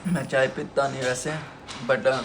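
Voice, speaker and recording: A man's voice: medium pitch, flat delivery, measured pace, background noise. A man co-hosting a casual home vlog, stubborn and protesting while laughing things off. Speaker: vlog co-host.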